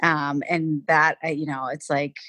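Middle-aged Boston woman, lowish voice, dry close mic, chatty guest. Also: a little slow, dry recording. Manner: chatty, lots of fillers and animated retelling. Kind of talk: casual chat.

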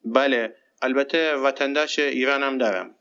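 A man playing a patient in a radio sitcom, speaking haltingly. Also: mid-range voice, a bit bright, clear, resonant tone, close to an everyday voice. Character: Turkish man with an identity disorder. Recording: slightly muffled recording.

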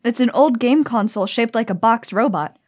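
A woman's voice: fairly high pitch, a little fast, lightly acted. A woman playing a jittery, sarcastic kid in an audio drama, flustered and defensive. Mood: anxious, puzzled. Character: jittery, evasive, sarcastic kid called Tink.

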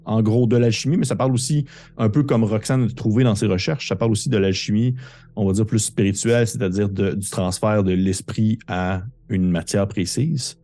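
A man with a Québécois French accent, narrating a tabletop game as game master in rambling, halting explanations full of fillers. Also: lowish voice, steady tone, dark tone.

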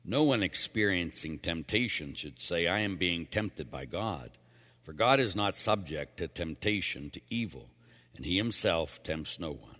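Low voiced priest doing a daily homily, plain talk, punchy, long echo in a church. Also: male voice, animated, measured pace, fairly bright tone. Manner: plain-spoken, emphatic, casual asides. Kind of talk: scripture reading and homily.

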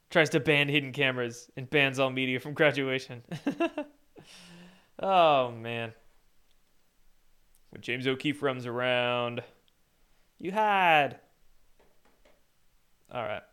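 Commentary host, male, wry and animated, resonant voice. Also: on the high side, clear, resonant tone. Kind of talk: casual political commentary.

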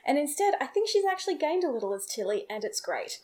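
A woman co-hosting a casual podcast chat, opinionated and animated, talking in long thoughtful runs. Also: sits high, fast. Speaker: podcast co-host.

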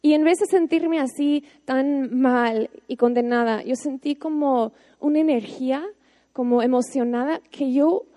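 Woman, high voice, devotional speaker, chatty, fillers and tag questions. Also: dark tone. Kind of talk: casual spoken devotional.

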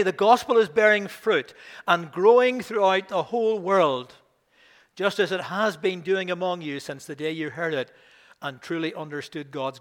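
A man's voice: high voice, a bit bright. Older Northern Irish male minister. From Belfast. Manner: rising emphatic reading, chatty asides with chuckles. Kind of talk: sermon with scripture reading and anecdotes.

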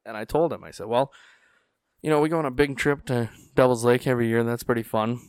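Here the North Dakota podcast host has a mid-range, clear, and resonant voice and talks fast, with clean, echo-free studio sound from a podcast mic in a small studio. He tells stories casually and animatedly, putting on voices for the people he quotes.

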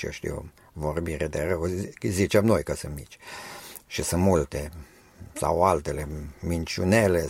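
A man's voice: very deep voice, gravelly, a little mellow, slightly rough, no echo. A man preaching an earnest, exhortative sermon.

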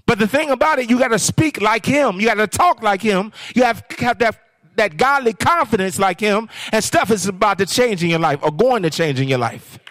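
A man's voice: high-pitched, lively intonation, fairly quick, fairly bright tone, dry recording, studio quality. A man preaching a sermon as guest speaker, questioning the crowd and rising into sing-song phrases. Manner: call-and-response preaching, sing-song rises.

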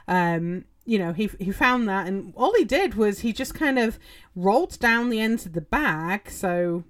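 A woman hosting a gardening podcast, talking casually in a chatty, rambling way with lots of ums and you-knows. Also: medium pitch. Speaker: podcast host. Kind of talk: casual solo podcast talk.

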